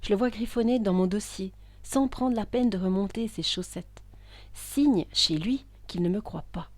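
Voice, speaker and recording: A woman narrating a first-person story in a hushed, intimate voice that is often whispered, with tense outbursts. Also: medium pitch, moderate pace.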